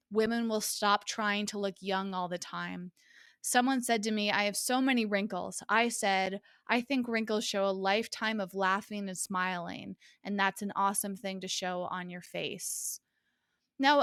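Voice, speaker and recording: A woman co-hosting a podcast, speaking in a thoughtful, measured way as she brings up quotes and examples. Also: mid-range voice, a bit bright, clear, resonant tone, dry recording, studio quality. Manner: thoughtful and measured, quoting sources. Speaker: podcast co-host. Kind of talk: reflective casual podcast talk.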